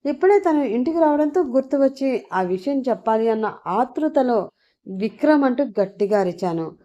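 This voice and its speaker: A woman's voice: expressive, moderate pace, warm tone. A woman voicing a flustered, exasperated young woman. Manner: exasperated inner monologue, higher voice. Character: flustered young woman scheming in her head. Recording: dull lo-fi recording.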